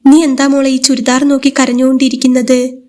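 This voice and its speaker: A woman's voice: high voice, completely flat delivery, a little fast, mellow, lightly acted. A woman voicing a middle-aged widowed mother in a spoken story, soothing yet cautioning her daughter. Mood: gentle, firm.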